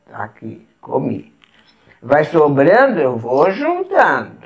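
Slow, gravelly Brazilian woman teaching table manners. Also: deep voice, huge pitch swings, lo-fi sound. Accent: Brazilian Portuguese. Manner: patient, explains step by step while eating. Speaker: etiquette instructor. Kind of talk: casual demonstration.

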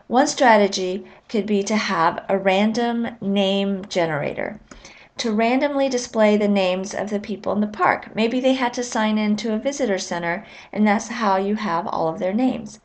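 A woman lecturer giving a recorded lesson, explaining with measured, clear phrasing and the odd filler. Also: mid-range voice.

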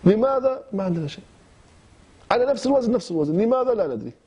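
In a dull lo-fi classroom recording, a man from Kirkuk, Iraq, teaches recitation rules with an Iraqi Arabic accent. His high voice races along with big pitch swings and a dark, slightly rough tone, delivered in short phrases full of hesitations and restarts.

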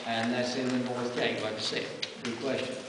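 A man guides a cave tour in a folksy, chatty way, often checking in with his listeners. His medium-pitched voice rings with heavy echo and a long reverberant tail. It is picked up from a distance amid clear background noise. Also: little pitch movement, normal speed. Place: inside a large cave chamber. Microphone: distant handheld camera in the tour group. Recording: echoing cave, distant mic, noisy.

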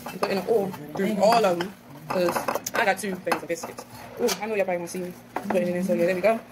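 Cooking in her home kitchen, a young woman chats casually with her viewers and calls them y'all. She talks fast in a mid-range voice with fairly even intonation. A phone camera on the counter picks it up, so the recording is noisy with kitchen clatter.

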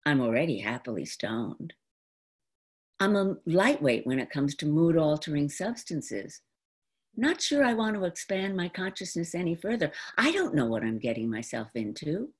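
Her low, slightly rough voice carries a dramatic autobiographical monologue, acted out with expressive deliberation. She's a stage actress of about seventy from New York, recording at home in front of a folding screen on a computer video call mic.

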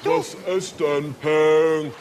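Slow, mournful seal. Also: male voice, a little high, flat delivery, noisy background. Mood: solemn. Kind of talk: children's theatre acting.

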